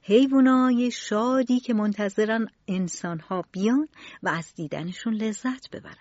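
A woman storyteller narrating a children's storybook in an expressive, varied way. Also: medium pitch, dry recording. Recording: dull lo-fi recording.

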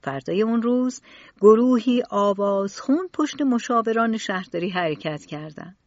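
A woman storyteller narrating a children's storybook in an expressive, varied way. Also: medium pitch, dry recording. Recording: dull lo-fi recording.

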